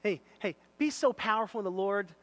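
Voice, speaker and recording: A man preaching a sermon in a church, swinging between loud exhortation and quiet asides and calling out members of the congregation by name. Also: high voice, brisk. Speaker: pastor.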